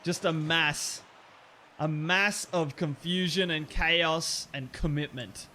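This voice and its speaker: A man casting an online car-soccer match with excitable play-by-play commentary, breaking into laughter and jumping up on near misses. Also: on the high side, slow pace, a little hiss or hum. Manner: excitable, laughs at plays, rises sharply on chances. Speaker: esports caster.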